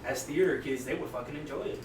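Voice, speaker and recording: A man's voice: medium pitch, quick pace, distant mic. A man hosting a casual group chat, loose and encouraging, swearing freely. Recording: roomy, off-mic, noisy room.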